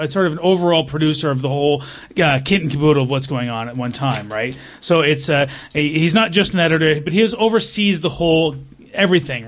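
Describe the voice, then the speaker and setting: A man's voice: fairly high pitch, a bit bright. A man co-hosting a casual comics podcast, eagerly explaining with many restarts. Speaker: podcast co-host. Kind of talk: casual chat.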